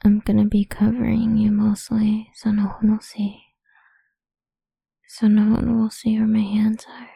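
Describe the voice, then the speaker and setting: A young woman whispering softly and teasingly in an intimate audio roleplay, humming between lines, close to the mic. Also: mid-range voice, monotone, unhurried, vocal fry, slightly rough, no room sound. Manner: soft teasing whisper, murmured hums.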